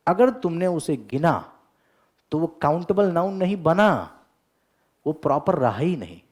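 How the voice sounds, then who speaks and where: Energetic male grammar teacher lecturing a class. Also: fairly high pitch, a little slow. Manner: energetic, keeps asking "yes or no?" to check understanding; joking asides to the class.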